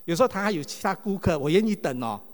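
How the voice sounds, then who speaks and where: A male pastor delivers a sermon in a raised voice, pitched a little high for a man. He keeps throwing questions at the congregation, and his voice rings with the long reverb of a church hall. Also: quick pace. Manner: lively, asks the congregation many rhetorical questions.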